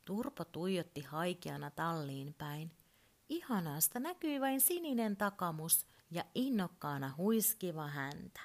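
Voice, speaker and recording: A woman gently reading a children's story aloud. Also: on the low side, sing-song.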